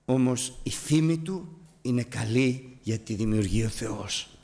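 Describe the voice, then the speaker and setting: Impassioned male preacher. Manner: impassioned preaching, swinging from loud high exclamations to hushed prayer. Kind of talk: sermon.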